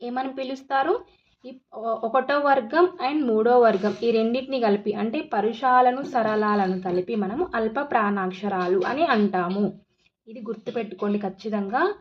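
A woman's voice: fairly high pitch, normal speed, lo-fi sound. A woman teacher giving an exam-prep lesson, asking questions and answering them herself, repeating key terms. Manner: repetitive drilling, asks and answers own questions.

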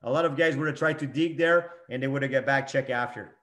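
A man's voice: medium pitch, quick pace, fairly bright tone. Give me a middle-aged male hockey coach breaking down game video in short, punchy, repeated phrases. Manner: short emphatic phrases, repeats key points. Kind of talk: coaching talk over game video clips.

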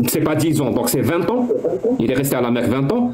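A man's voice: mid-range voice, sing-song, fairly quick, a little mellow, poor audio. A middle-aged man hosting a heated live-stream debate, insistent and repetitive as he reads out figures from a text.

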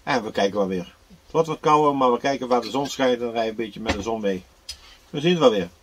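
This camper vlogger, a man in his sixties, talks fast in a mid-range voice, with a little hiss or hum on the recording. Holding the camera at arm's length, he chats easygoingly about his trip, restarting often and using lots of fillers. The scene shifts from inside the camper van to a riverside outdoors.

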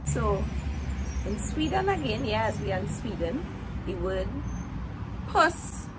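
A woman's voice: medium pitch, sing-song, a little slow. A woman in her twenties with a Trinidadian Caribbean accent, chatting casually and playfully to camera in colloquial speech. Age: 20s. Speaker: video creator. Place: outdoor porch beside greenery. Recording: noisy outdoor ambience with vehicle sounds.

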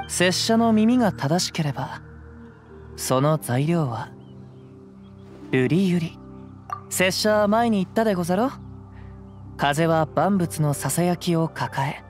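A male actor playing a gentle, poetic young wandering samurai in a video game, speaking calm, measured, old-fashioned samurai Japanese. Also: high voice. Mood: calm, assured. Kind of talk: scripted game dialogue. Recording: clean voice over background music.

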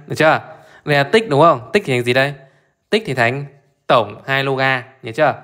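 This man's mid-range voice has a bit of brightness as he teaches math through a live exam walkthrough. He talks informally and chattily, peppering listeners with the same brief check-in questions.

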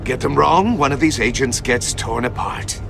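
Gravelly, gloating theatrical supervillain. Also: male voice, medium pitch, expressive, moderate pace, background noise. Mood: gloating menace. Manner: theatrical, taunting, pompous. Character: gloating sadistic older male riddle-obsessed supervillain. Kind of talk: video game villain acting.

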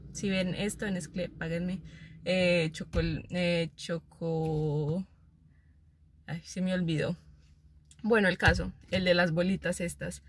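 A woman's voice: lowish voice, fairly bright tone, a little hiss or hum. A young woman, chatting casually and informally to her viewers as a vlogger. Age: young adult. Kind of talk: casual vlog chat to camera. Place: parked car, supermarket and home. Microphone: phone at arm's length.

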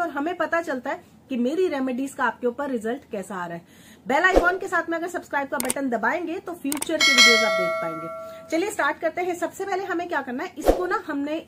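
Female beauty-tips vlogger, high voice, repeats words for emphasis, chats warmly like a sister. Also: background noise. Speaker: home remedy vlogger, channel host. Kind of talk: chatty beauty tips vlog. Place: at home, grinding and sieving while she talks.

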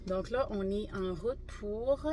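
A woman's voice: mid-range voice, takes it slowly, warm tone, slight background noise. A woman in her forties with a Québécois French accent, chatting with viewers on a casual travel vlog. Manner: chatty, talks straight to viewers. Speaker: vlog co-host. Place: car interior, then backyard pool outdoors. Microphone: phone camera at arm's length.

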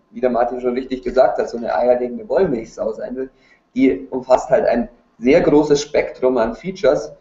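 A man's voice: mid-range voice, warm tone. A man co-presents a webinar, explaining technical details without a script. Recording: echoey, muffled webinar audio.

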